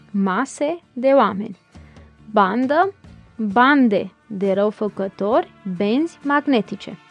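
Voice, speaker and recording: A woman's voice: fairly high pitch, a little mellow, muffled recording. A woman reading a scripted grammar lesson aloud, going through word pairs one by one like a teacher. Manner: reads word pairs in a slow list.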